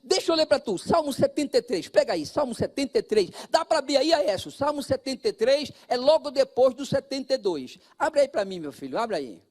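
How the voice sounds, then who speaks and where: A Brazilian Portuguese-accented man preaching a sermon as pastor, talking straight to his congregation and swinging between loud calls and hushed asides. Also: very high voice, big pitch swings, fairly quick, hardly any pauses.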